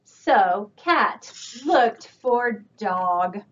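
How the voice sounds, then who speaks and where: A woman children's librarian reading picture books aloud for storytime, with a warm, expressive storytime delivery. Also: medium pitch, very slow, muffled recording.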